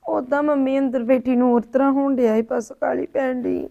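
An actress playing a tearful young daughter-in-law who hides her hurt, speaking quietly and hesitantly. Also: sits high, fairly even intonation, brisk, vocal fry, highs cut off. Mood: subdued. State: crying. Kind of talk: family drama acting.

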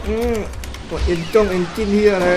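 A man giving loud, excitable gameplay commentary, swearing constantly and yelping as he plays. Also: sits high, brisk. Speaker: gaming YouTuber. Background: game music.

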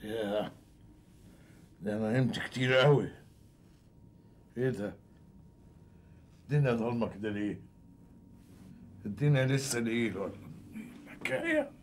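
An actor playing an exasperated middle-aged husband and father who gives gruff orders to his household in a TV comedy. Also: mid-range voice, very animated, normal speed, long pauses, a little hiss or hum, natural voice. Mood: bewildered.

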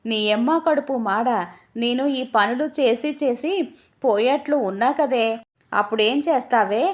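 A woman's voice: a little high, unhurried, lightly acted. A woman voicing a sulky, put-upon husband in an audio story, grumbling and sarcastic.

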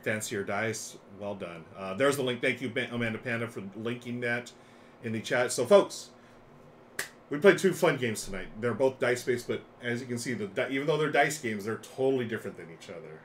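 Fairly quick and mid-range in voice, a middle-aged man explains board games with casual enthusiasm during a live stream. A clear, steady background noise accompanies him in his small room lined with board games.

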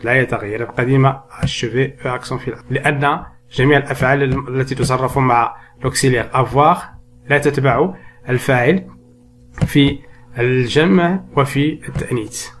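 Guy teaching grammar, medium voice, drags out example words then talks fast explaining, light hum in background. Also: mid-range voice, steady tone, fairly bright tone. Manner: switches between slow, drawn-out spoken French and brisk explanations; repeats words and conjugation lists slowly for dictation. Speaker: French teacher. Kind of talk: bilingual grammar lesson.

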